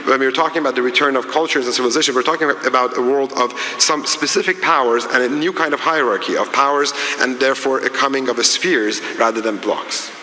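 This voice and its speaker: Male panelist, measured academic delivery, bright tone, long reverberant hall. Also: mid-range voice, slight background noise. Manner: measured, academic, frequent restarts and fillers. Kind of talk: conference panel remarks. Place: large conference hall. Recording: echoey, reverberant conference hall.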